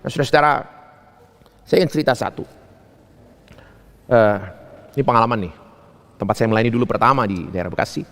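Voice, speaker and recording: A man's voice: expressive, brisk, pauses often, fairly bright tone. Man preaching in a reverberant church. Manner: storytelling with rhetorical questions; wide swings between high and low pitch. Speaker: pastor. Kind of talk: sermon.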